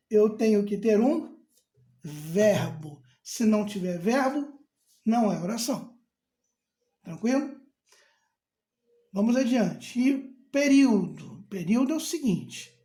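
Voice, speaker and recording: A man teaching grammar in a casual, deliberate way, repeating key terms and answering imagined student questions. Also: high-pitched, mellow. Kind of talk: casual explanatory lesson. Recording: roomy echo.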